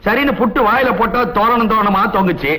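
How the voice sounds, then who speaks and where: An actor playing a genial older uncle and business partner, chatty and humorous, in film dialogue. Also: male voice, high voice, quick pace, pushed and bright, low-quality recording. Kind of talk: 1980s Tamil film dialogue.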